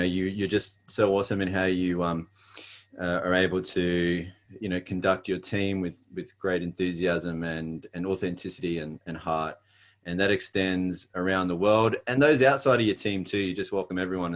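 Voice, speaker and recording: A deep-voiced, middle-aged Australian man delivers an earnest motivational presentation, pausing frequently with fillers and restarting his sentences.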